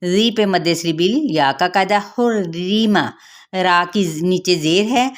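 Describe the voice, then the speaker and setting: A woman with a Pakistani Urdu accent teaching Quran recitation, patiently explaining rules and stretching out sounds slowly to demonstrate them. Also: on the low side. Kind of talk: tajweed lesson with slow demonstrations.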